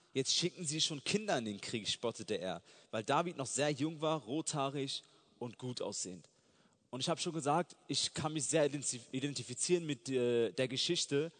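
A man's voice: medium pitch, lively intonation, moderate pace. A man preaching a sermon in an earnest, fervent way that builds to emphatic peaks. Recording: long hall reverb.

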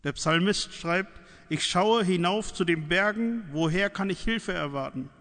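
Man, preacher, sermon, emphatic repetition, slightly high voice, long hall echo. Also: a bit bright. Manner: emphatic, repeats key lines slowly.

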